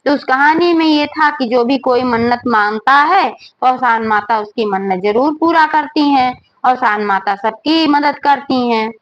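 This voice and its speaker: A woman's voice: high voice, unhurried, few pauses, highs cut off. A woman narrating a devotional folk story in a plain, homely way, with everyday fillers and asides.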